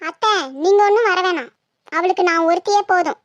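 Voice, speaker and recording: A woman voicing a fiery young village mother with a Tirunelveli Tamil accent, quick to quarrel and scold, in a cartoon. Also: very high voice, steady tone, no echo, muffled recording. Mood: angry. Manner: combative, scolding. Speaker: daughter-in-law. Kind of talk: cartoon voice acting.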